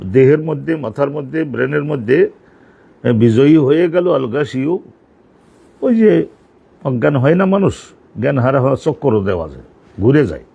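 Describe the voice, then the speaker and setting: A man's voice: mid-range voice, vocal fry, darkish tone, husky. A man teaching an online hadith class, reading Arabic lines aloud and then explaining each phrase at length in Bengali. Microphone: online class stream.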